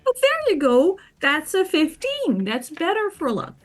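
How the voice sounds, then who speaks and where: A woman's voice: very high-pitched, huge pitch swings, measured pace. A woman playing a tabletop game, bantering casually in a wry, teasing way.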